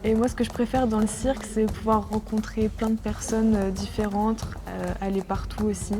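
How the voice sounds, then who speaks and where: A woman's voice: mid-range voice, little pitch movement, moderate pace. A young woman from France, a circus flyer chatting cheerfully in an interview with many fillers. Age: young adult. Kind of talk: interview testimony. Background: guitar music.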